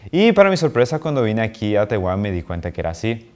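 A young man, speaking in a slightly low voice. He gives an earnest, friendly student testimonial straight to camera, gesturing with his hands as he talks. He is recorded on a lapel mic in a small, bright office. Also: sing-song, quick pace. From Honduras. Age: young adult. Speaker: international student.

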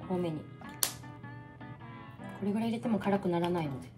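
A woman's voice: on the low side, fairly quick. A woman of around thirty, chatting casually as she narrates home cooking. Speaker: home cooking and drinking vlogger. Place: home kitchen and dining table. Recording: music behind the voice.

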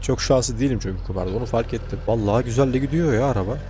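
A man's voice: medium pitch, very fast, mellow, slight background noise. A man giving casual let's-play commentary as a gaming channel host, chatty, talking straight to his viewers and swearing freely.

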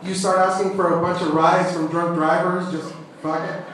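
A young man with a high-pitched voice performs amateur stand-up with audible stage fright. He starts hesitantly and sounds nervous. The recording is very echoey and distant, as if captured from the seats of a club. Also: flat delivery, moderate pace, noisy background. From California. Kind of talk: stand-up comedy at an open mic. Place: small comedy club room with seated audience.

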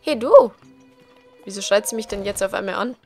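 A woman gives casual gameplay commentary in a medium-pitched voice over faint music. She is chatty and playful, often thinking out loud. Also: level tone, very fast. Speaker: let's player. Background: game music.

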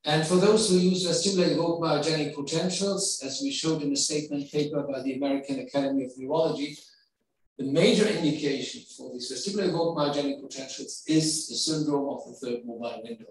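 A man's voice: fairly high pitch, steady tone, fast. A middle-aged man with a German accent giving a medical lecture, explaining step by step and putting questions to the audience. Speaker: neurology professor giving a lecture. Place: lecture hall. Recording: echoey hall, voice from far off.

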